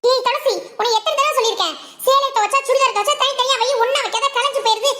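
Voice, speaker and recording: A sharp-tongued young cartoon sister, voiced by a woman, barks orders in a Tirunelveli Tamil accent. Her voice is high and bright. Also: rapid-fire. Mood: demanding. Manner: yelling, demanding.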